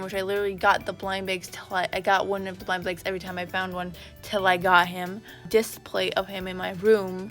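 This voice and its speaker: Over video game background music, a female YouTuber rambles casually and fangirls about her topic. Her mid-range voice is gravelly with a fairly bright tone.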